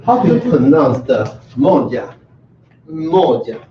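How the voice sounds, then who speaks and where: A woman's voice: deep voice, expressive, takes it slowly. A woman student in a language class, carefully repeating words and asking how to pronounce them. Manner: careful, questioning, repeats after the teacher. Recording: roomy, distant, dull sound with faint hiss.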